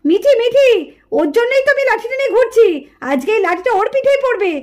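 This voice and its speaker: A woman's voice: extremely high pitch, animated, quick pace. Woman doing a furious puppet mother. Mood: angry, threatening. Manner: scolding, shouting threats. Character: strict, angry village mother with a stick. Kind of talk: puppet-show cartoon voice.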